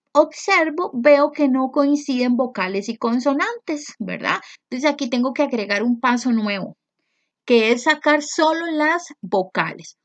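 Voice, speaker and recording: A woman's voice: high voice, no echo. A woman teacher explaining a lesson step by step, patiently stretching out word endings and checking in with questions. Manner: checks in with frequent rhetorical questions. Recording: dry, dull lo-fi recording.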